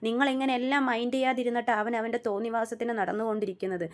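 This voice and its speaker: A woman's voice: fairly high pitch, fairly even intonation, racing, close to an everyday voice. A woman voicing an angry young husband who drives a taxi, asking bitter rhetorical questions.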